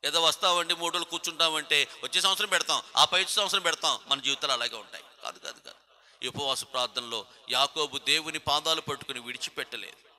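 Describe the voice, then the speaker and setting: A man preaches a sermon in a high, piercingly bright voice. He speaks with a Telugu accent, stacking repeated phrases and rhetorical questions. He now and then calls on members of his congregation by name. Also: quick pace. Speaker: pastor.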